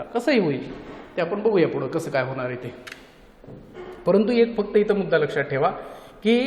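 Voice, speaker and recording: A man's voice: on the high side, a little mellow. A male teacher giving a grammar lesson with a Marathi accent. He asks his own questions and answers them, repeating each key point. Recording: echoey, noisy room.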